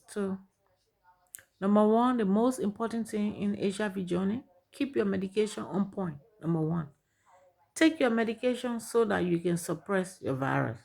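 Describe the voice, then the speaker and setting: Middle-aged liberian woman, really gravelly husky voice, earnest, keeps repeating her points. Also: medium pitch, darkish tone. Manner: earnest, repeats phrases for emphasis. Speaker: speaker sharing her story. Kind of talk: personal testimony, advice.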